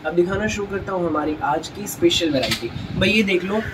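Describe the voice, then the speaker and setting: A man gives an eager, repetitive teleshopping-style sales pitch, showing products to viewers of his channel. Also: lively intonation, fairly quick. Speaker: shop seller presenting products on own video channel. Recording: noisy, distant microphone.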